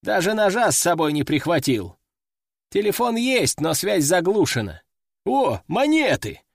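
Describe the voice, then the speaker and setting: A man doing a higher-voiced eager soldier. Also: big pitch swings, measured pace, vocal fry, dry recording, clean studio sound, exaggerated voice. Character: eager male soldier searching a captive.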